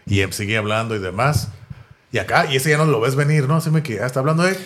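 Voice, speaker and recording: A man's voice: mid-range voice, fast, fairly bright tone. A young man with a Mexican accent, co-hosting a casual chat and retelling a series, acting out the characters' lines. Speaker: podcast co-host.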